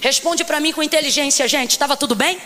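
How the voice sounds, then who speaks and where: A woman preacher from Rio de Janeiro, giving an emphatic sermon that keeps questioning the congregation and rises to shouts. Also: sits high, brisk, a little hiss or hum. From Rio de Janeiro, Brazil. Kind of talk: Pentecostal sermon.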